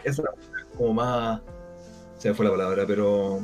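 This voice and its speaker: A man's voice: lowish voice, steady tone, moderate pace, darkish tone, faint music behind. A man with a Chilean accent co-hosting a casual chat, speaking bluntly and at length with lots of slang. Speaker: co-host.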